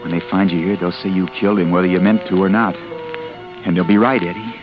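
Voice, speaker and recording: An actor playing a panicked young man hiding after a killing, narrating his dread in a tense, often hushed inner monologue. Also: low-pitched, steady tone, a little fast, music in the background, lightly acted. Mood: urging. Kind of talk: 1940s radio drama narration. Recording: dull old radio broadcast.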